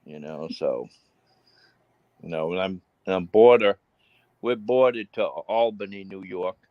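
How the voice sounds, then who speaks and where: A man's voice: sits low, measured pace, no echo, dull audio. A man with a Boston accent in casual chat on a live stream, rambling with many restarts.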